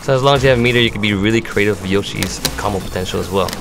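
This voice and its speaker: He talks very fast in a fairly low-pitched voice, laying out fighting game moves step by step as a competitive player giving instruction. There's music in the background.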